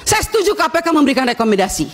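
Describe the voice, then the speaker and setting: A woman lawmaker lashes out at officials in a large hearing room, her voice sitting very high and swinging wildly up and down. She scolds and shouts with open indignation. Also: sing-song, rapid-fire. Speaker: member of parliament. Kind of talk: impassioned speech at a parliamentary hearing.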